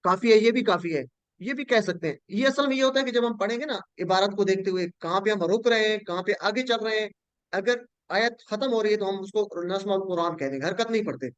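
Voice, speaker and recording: A man's voice: high voice, a little fast, clear, resonant tone, dry recording, lo-fi sound. A man teaching an online class, patiently drilling word patterns with his students.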